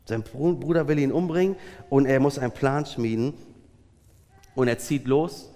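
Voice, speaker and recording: A man giving a sermon, retelling a story with lively swings between loud and quiet. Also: medium pitch, normal speed. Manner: animated retelling with sudden swings in loudness. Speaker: preacher. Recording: long reverb of a large hall.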